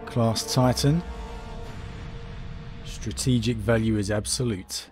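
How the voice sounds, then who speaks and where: A man's voice: medium pitch, fairly even intonation, slow, darkish tone, faint music behind. A man giving casual gameplay commentary as he plays. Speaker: let's player commenting on a game.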